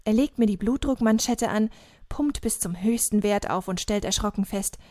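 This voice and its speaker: Calm woman reading an audiobook. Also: mid-range voice, moderate pace, no echo, clean studio sound. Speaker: audiobook narrator. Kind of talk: scripted narration.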